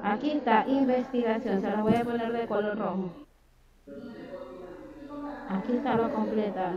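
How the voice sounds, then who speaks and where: A woman's voice: on the high side, fairly even intonation, normal speed, crowd noise. A woman teaching a third-grade online class in Spanish, dictating and calling her pupils by pet names. She is from Ecuador and speaks with an Ecuadorian coastal accent. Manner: affectionate, calls pupils "mi amor" and "mi vida". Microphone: computer mic on a video call. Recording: echoey, distant, dull video-call audio with children talking. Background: children's voices.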